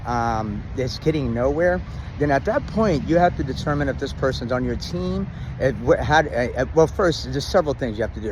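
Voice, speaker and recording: A middle-aged man with a medium-pitched voice talks casually to camera outdoors against a noisy background, a vlogger offering relationship advice. He rambles, restarting often and filling gaps with ums, and mentions that he has a loud, dominant voice.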